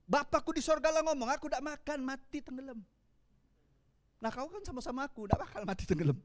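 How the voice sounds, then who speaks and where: A man's voice: extremely high pitch, animated, fast talker. A man with a Palembang accent voicing a drowsy man woken from sleep, slangy and offhand in a mock-annoyed way. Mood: grumbling.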